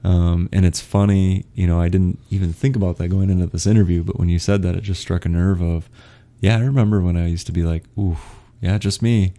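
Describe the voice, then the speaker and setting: Very deep, gravelly young male podcast host. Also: fast talker, few pauses. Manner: relaxed, laughs often, many fillers. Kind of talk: casual conversational interview.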